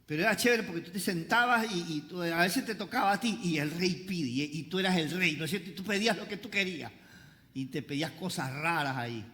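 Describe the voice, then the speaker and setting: A pastor preaching a sermon, having the congregation repeat lines after him, with playful joking asides. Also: male voice, sits high, a little fast, sharp tone. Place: church service. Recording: reverberant church hall.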